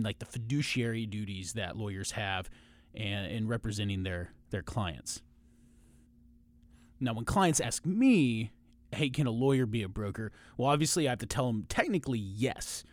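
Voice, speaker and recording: Measured man explaining legal matters. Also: medium pitch, dry recording. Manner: measured, explanatory, with frequent restarts. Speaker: podcast host, lawyer. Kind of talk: informational podcast monologue.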